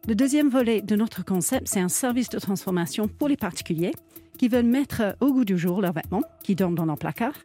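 A woman's voice: mid-range voice, lively intonation, fairly quick, mellow, soft background music. Woman in her fifties with an English accent. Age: 50s. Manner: earnest, fluent with slight hesitations. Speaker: entrepreneur pitching. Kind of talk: timed business pitch.

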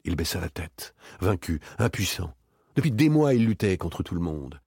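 A man reading a crime story aloud as an audiobook narrator, in a theatrical, expressive way. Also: deep voice, moderate pace, gravelly, slightly rough, no echo, clean studio sound. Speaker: audiobook reader.

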